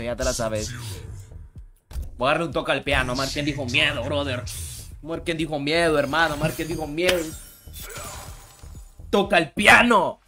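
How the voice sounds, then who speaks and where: A man live-streaming a fighting game, his voice sitting a little high as he fires off hyped, slangy shout-outs to viewers. Game music runs clearly behind him. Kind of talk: casual live-stream commentary.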